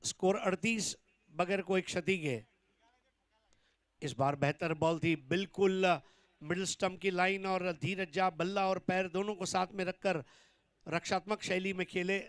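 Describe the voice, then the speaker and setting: Guy doing excited cricket commentary, high smooth voice, dry close sound, stretches out the big calls. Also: a little slow, no echo.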